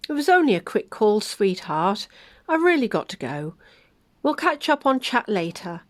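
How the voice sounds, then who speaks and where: A woman voicing a young man, an evasive boyfriend who talks in a flat, soft, hurried way. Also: medium pitch, dry recording, lightly acted.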